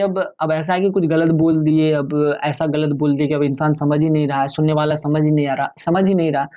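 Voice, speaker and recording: A man explaining exam topics in a relaxed, conversational lecture, addressing viewers as friends. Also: a little high, muffled recording. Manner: chatty, many fillers and restarts. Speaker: exam tutor.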